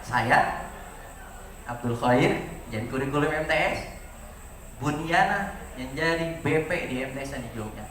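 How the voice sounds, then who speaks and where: A fairly high-voiced man in his forties gives a teacher's farewell speech, telling stories and tossing rhetorical questions to his students. He sounds distant from the mic, and the room rings with strong echo. Steady background noise sits under his voice. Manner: lively storytelling, asks students rhetorical questions. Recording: echoey room, voice from afar, audible ambience.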